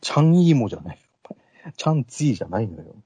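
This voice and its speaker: A man's voice: medium pitch, sing-song, fast talker, warm tone, husky, no room sound. A man co-hosting a casual chat podcast, bantering bluntly and teasing his partner. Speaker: podcast co-host. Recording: dull, dry podcast audio.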